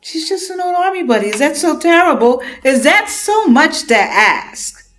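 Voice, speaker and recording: A woman's voice: on the high side, very animated, normal speed. An actress playing an exasperated grown daughter in a dramatic monologue, telling her story with emphatic indignation. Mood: exasperated, pleading. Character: exasperated grown daughter recounting fights with her domineering mother.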